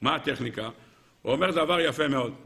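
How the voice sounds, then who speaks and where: A man teaching as a rabbi, telling a parable in a lively way and asking his audience rhetorical questions. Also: medium pitch, gravelly. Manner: lively storyteller who acts out characters. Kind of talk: Torah lesson with a parable.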